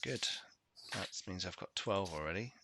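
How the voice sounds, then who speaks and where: Gravelly player, bright tone. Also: male voice, sits low, expressive, moderate pace. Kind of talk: casual tabletop play.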